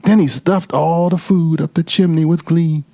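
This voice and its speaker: A man reading a storybook aloud as storyteller, in an expressive, theatrical and deliberate style. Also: fairly high pitch, no room sound.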